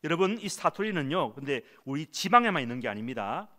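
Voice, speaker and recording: Lively-voiced Korean pastor preaching. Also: male voice, a little high, fairly quick. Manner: emphatic, calls congregation to read along. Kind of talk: sermon. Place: church sanctuary.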